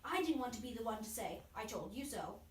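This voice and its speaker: A woman voicing young Sherlock, a clever, bored, know-it-all boy, acting in an amateur audio drama. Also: on the high side. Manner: cocky, excitable, quick to complain of boredom. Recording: roomy echo, faint noise.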